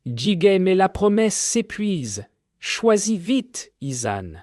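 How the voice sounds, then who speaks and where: Eerie female sea spirit, high and cold, slow commanding delivery, put on by a man narrator. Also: big pitch swings, a little mellow, dry recording, studio quality, exaggerated voice. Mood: menacing.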